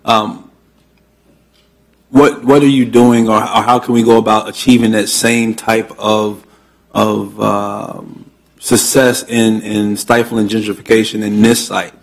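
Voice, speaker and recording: Male commissioner, low even voice, halting earnest questions with restarts, public hearing. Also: vocal fry. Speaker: county commissioner.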